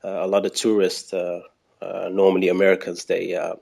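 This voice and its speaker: A man's voice: deep voice, completely flat delivery, a little fast, creaky, a little mellow, husky. A man from Aruba with an Aruban accent, chatting casually in an interview and often searching for words. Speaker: podcast guest.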